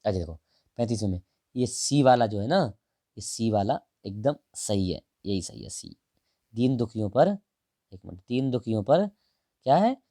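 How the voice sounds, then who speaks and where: A man teaching exam prep, going through answers one option at a time in a casual, direct way and drawing some words out slowly. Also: fairly low pitch, very animated, mellow, no room sound, studio quality. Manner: explains each option, stretches out words while writing; casual and direct, calls the listener brother. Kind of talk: answer-key walkthrough lesson.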